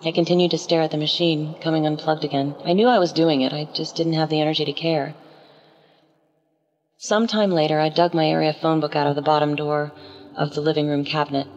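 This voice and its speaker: Woman narrating a dark radio-play story. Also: low-pitched, brisk. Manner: steady storytelling with a dark, menacing edge. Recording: slightly muffled, with faint music underneath.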